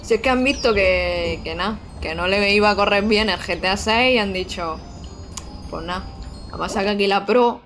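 A woman's voice: mid-range voice, moderate pace, fairly bright tone, a little hiss or hum. A young woman chatting casually with her live-stream viewers while playing, frank and swearing casually. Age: young adult.

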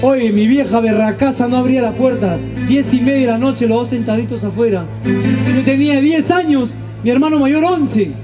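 High-voiced stand-up comedian. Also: male voice, moderate pace, music in the background. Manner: animated, slangy and crude. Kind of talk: stand-up storytelling. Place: live stage show.

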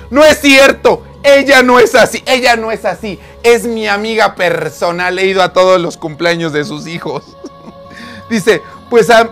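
A man's voice: sits high, a bit bright. A man reading out chat messages and reacting with laughs, gasps and mock outrage. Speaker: host reading chat screenshots. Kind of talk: animated casual storytelling.

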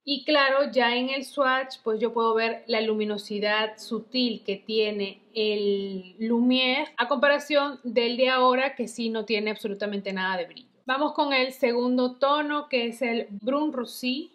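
A woman's voice: on the high side, unhurried, hardly any pauses, fairly bright tone. Chatty woman reviewing makeup. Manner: chatty, uses many diminutives. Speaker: beauty vlogger.

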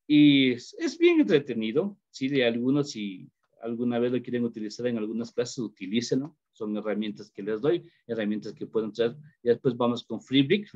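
Lively man teaching English in a lo-fi call. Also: medium pitch. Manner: mixes Spanish and English, lively and encouraging. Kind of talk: online class explanation. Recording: dull lo-fi audio.

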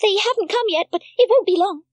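A woman voicing Heidi, an eager, excitable little girl in a storybook reading, calling out breathlessly. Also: extremely high pitch, a little fast, no echo, voice pushed up.

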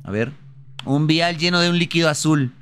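A Mexican man doing casual live gameplay commentary, excitable and foul-mouthed, often bursting into shouts. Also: fairly high pitch, normal speed, background noise. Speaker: livestreamer playing a video game. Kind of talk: casual live gameplay commentary, translating on-screen text aloud.

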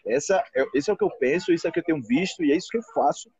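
A Brazilian man hosts a casual live language chat from a restaurant table. His voice sits a little high and has a husky edge, and he talks in an animated way, slipping into other people's voices. The sound is dull and dry. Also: rapid-fire, no room sound. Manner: animated, acts out quoted voices. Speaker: Portuguese teacher hosting a live stream.

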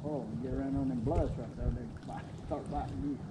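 Older man, excitable exclaiming, fishing boat outdoors, action cam a few feet off, heavy boat noise. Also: mid-range voice, a little fast. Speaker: fishing partner. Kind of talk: excited casual chat while fishing. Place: small boat on a lake outdoors. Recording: loud boat and water noise.

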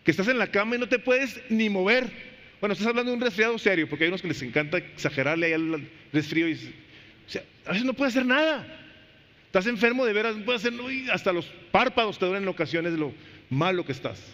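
A man preaching a sermon as pastor in a church. He questions the congregation directly and swings between soft low phrases and loud, high emphasis. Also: expressive, fast. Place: church sanctuary. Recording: reverberant church hall, dull lo-fi sound.

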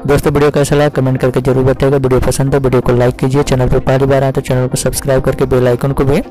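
A man's voice: medium pitch, monotone, mellow, faint music behind, poor audio. A man from India hosting a farm market report, rattling off commodity prices in a repetitive scripted way. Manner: rapid, repetitive listing of prices. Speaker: host reading market prices.

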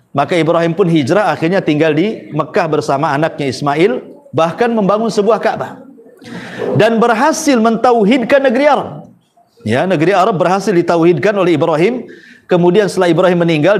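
High-voiced male preacher telling a story. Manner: conversational, asks the audience rhetorical questions, frequent "ya" tags. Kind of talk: Islamic storytelling sermon.

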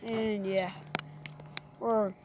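A woman's voice: mid-range voice, flat delivery, very slow. A woman hosting a casual reaction video, playful and giggly as she banters. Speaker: channel host. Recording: noisy home recording.

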